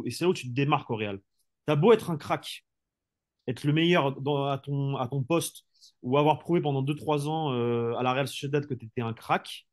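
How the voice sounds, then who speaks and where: Argumentative man talking football. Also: mid-range voice. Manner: argumentative, rhetorical, fills speech with "tu vois". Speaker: sports journalist and co-host. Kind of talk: casual football debate.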